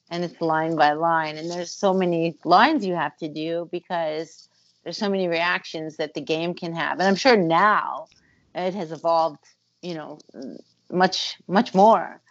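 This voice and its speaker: A woman's voice: low voice, steady tone, a little slow, no room sound, muffled recording. A woman, a musician and former voice actor, talking thoughtfully in a casual interview over a video call, with frequent ums and uhs.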